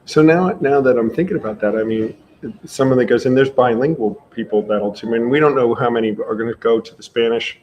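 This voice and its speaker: A livestream host conducts a casual interview, thinking aloud and repeating himself for emphasis. His darkish voice is brisk with hardly any pauses, the highs are cut off, and a clear rumbly noise runs in the background.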